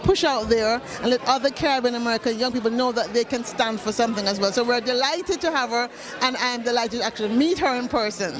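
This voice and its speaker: High voiced lady founder giving earnest speechy remarks, crowd going behind her. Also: fast. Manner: emphatic, repeats phrases for effect. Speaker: event founder being interviewed. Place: event red carpet. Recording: lively crowd noise behind.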